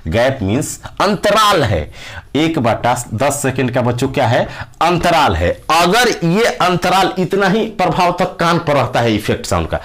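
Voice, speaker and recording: A man with a slightly higher voice lectures on physics for exam students. His pitch swings widely as he teaches. He lays out each idea through everyday examples and comes back to the key words again and again. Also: very animated, unhurried, a bit bright.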